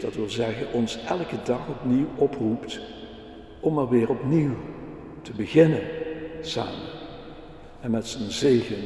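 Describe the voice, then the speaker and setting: A man preaching slowly and earnestly in a church, then telling a children's story. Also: mid-range voice, gravelly, warm tone, slight background noise. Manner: slow, earnest, deliberate. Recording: echoey church hall with long reverb.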